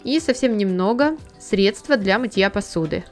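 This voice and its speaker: A home cleaning tips host walks through a household cleaning task step by step in a calm, instructive, scripted how-to voice-over. Her pitch sits in an ordinary middle range and she speaks at a normal speed, with soft music playing faintly behind her.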